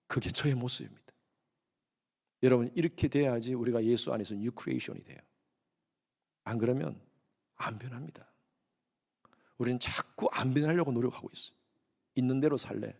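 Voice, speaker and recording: A man in his fifties with a Gyeongsang Korean accent, preaching a lively sermon to his congregation and often speaking straight to them. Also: mid-range voice, vocal fry. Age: 50s. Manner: lively preaching, addresses congregation often, acts out quoted lines. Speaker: pastor.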